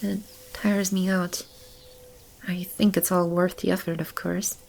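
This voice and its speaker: With a fairly low pitch, a flat delivery and a slightly slow pace, a woman voices a gentle demon sheltering animals and a lost child for an ASMR roleplay. She is warm and fond, soothing and tender, speaking intimately and reassuringly, often close to a whisper. Animal and birdsong ambience comes through clearly.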